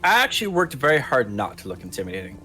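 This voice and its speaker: A man's voice: mid-range voice, wildly swooping pitch, fast talker, sharp tone, soft background music. A man in a casual group chat who laughs often and reacts playfully.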